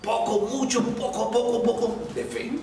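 A man's voice: very high-pitched, very animated, normal speed, over music. A man preaching a sermon to a congregation. He acts out the lines he quotes and keeps quizzing his listeners. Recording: echoey hall, voice far from mic.

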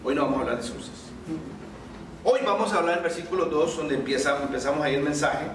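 A man with a high voice preaches a sermon in a church hall. He acts out the lines he quotes and keeps putting questions to his listeners. The sound is strongly echoey and he stands far from the mic, with faint room noise behind him. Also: fast talker.

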